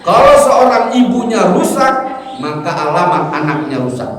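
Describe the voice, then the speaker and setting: Male preacher, humorous and animated, mimics chanting; booming mosque reverb. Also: moderate pace. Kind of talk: mosque study sermon. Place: large mosque hall. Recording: echoey hall, mic from far off.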